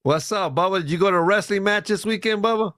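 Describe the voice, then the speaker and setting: A man's voice: sits high, quick pace, a bit bright, dry recording, studio quality. A man co-hosting a casual chat show, teasing and joking in a laid-back way. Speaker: co-host.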